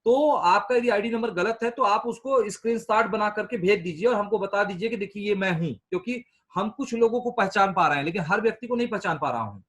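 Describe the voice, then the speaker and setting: A man with a notably high voice runs an online staff meeting, walking listeners through the rules step by step. He is patient and repeats key points so that everyone can follow. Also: animated, a little fast, few pauses, fairly bright tone, slightly rough. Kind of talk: instructing over a call.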